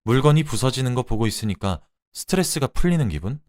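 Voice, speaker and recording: A man narrating a first-person story in a radio drama, with expressive storytelling. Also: mid-range voice, quick pace, no room sound, clean studio sound. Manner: expressive storytelling, lively delivery.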